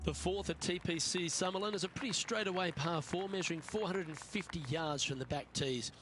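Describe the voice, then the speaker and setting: A man's voice: sits high, fairly quick. A man giving golf commentary as a commentator.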